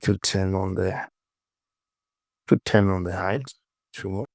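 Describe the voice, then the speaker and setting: A tutorial host narrates a casual screen-recorded software tutorial in a low, gravelly voice. He speaks slowly in short muttered phrases, often repeating them to himself, and the sound is dry with no echo, close to a plain voice-over.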